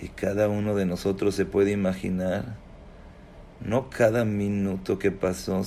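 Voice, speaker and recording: Slow, dramatic male religious teacher. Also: fairly low pitch, gravelly, darkish tone, a little hiss or hum. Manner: dramatic, emphatic. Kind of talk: storytelling religious class.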